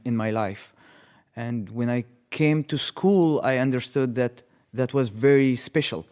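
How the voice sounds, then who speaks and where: A man in his 30s whose first language is Arabic tells a reflective personal story as an interview guest. His voice is medium-pitched and a little mellow, and he speaks haltingly, repeating words while he thinks.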